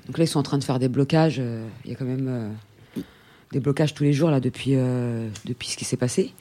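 Mellow mid-pitched man with fillers. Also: brisk. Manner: hesitant, with many fillers. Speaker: radio show co-host. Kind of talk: casual political discussion.

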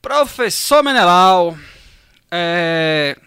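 A man with a Brazilian Portuguese accent, hosting a podcast and asking formal, measured questions. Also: high-pitched, expressive, pushed and bright. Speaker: podcast host. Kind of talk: podcast interview.

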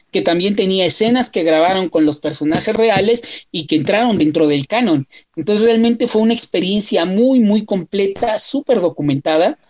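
A woman's voice: lowish voice, darkish tone. A woman giving casual commentary in conversation, leaning on emphatic repeated words. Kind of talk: casual film and fandom commentary.

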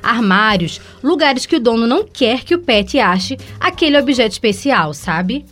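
A woman explains pet behavior on a radio show, in a chatty and friendly way. Her voice sits a bit high. Her pitch moves animatedly. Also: expressive, normal speed, a bit bright, soft background music. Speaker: pet columnist.

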